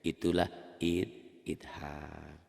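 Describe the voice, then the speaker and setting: Indonesian guy teaching tajwid to beginners, asks himself questions then answers, slow and draggy, kinda echoey. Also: flat delivery, creaky, darkish tone. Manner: explains plainly, then chants Arabic examples slowly in a high voice. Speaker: Quran recitation teacher.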